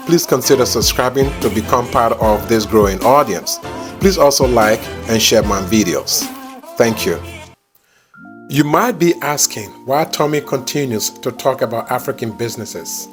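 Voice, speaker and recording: A man hosting his YouTube channel, speaking in a friendly, encouraging way to viewers and to his guest. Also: medium pitch. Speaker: YouTube channel host and interviewer. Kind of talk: scripted intro, then casual interview.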